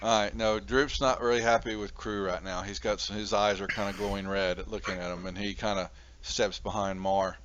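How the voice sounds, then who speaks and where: Bright-voiced man running a tabletop game. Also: on the low side, little pitch movement. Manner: halting, informal. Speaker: game master. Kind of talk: casual tabletop game narration. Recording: muffled audio with faint noise.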